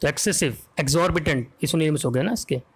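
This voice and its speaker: A man's voice: fairly high pitch, quick pace, fairly bright tone, slightly rough. A man with an Indian accent teaching English vocabulary for an exam, spelling words out letter by letter and often checking that students follow.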